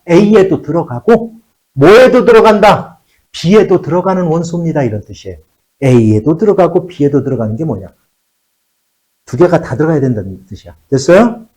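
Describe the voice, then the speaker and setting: A man teaching high school math in a classroom, repeating key phrases and checking in with the students again and again. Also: darkish tone, low-quality recording. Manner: switches between polite and casual speech. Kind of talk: classroom lecture.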